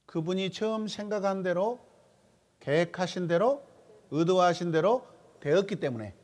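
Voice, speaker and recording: A man's voice: high-pitched, expressive, normal speed, darkish tone. Korean man teaching a church seminar. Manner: asks the audience questions and repeats their answers. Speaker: pastor leading a seminar. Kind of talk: interactive Bible study teaching.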